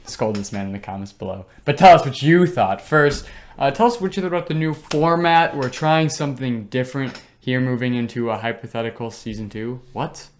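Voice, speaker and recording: A man's voice: mid-range voice, a little fast. A young man co-hosting a podcast with an ordinary mid-range voice. He talks in an enthusiastic, slangy way and teases his friend. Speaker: podcast co-host. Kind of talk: casual chat.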